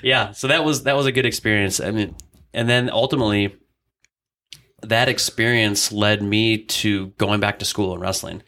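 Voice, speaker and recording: A man's voice: fairly low pitch, fairly even intonation, moderate pace, sharp tone. A man, a wrestling coach and podcast guest, telling his story in a loose, rambling way full of fillers and restarts. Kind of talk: casual storytelling in an interview.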